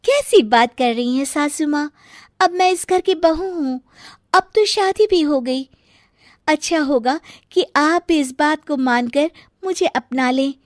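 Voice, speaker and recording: A tearful young bride. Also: female voice, high-pitched, takes it slowly, dry recording, studio quality. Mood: firm. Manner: wailing, pleading, tearful. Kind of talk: animated story voice acting.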